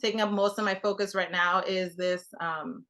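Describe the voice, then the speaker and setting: This young woman from Trinidad, a television producer, is a guest chatting casually in a rambling way, heavy on fillers and restarts. Her pitch is medium and her intonation fairly even, delivered at normal speed with a fairly bright tone.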